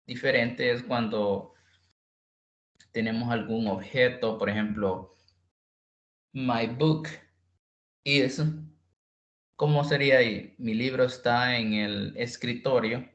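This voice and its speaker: A man teaching an online English class, repeating words slowly and quizzing his students. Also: mid-range voice, fairly even intonation, a bit bright, reverberant, dull audio. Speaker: English tutor.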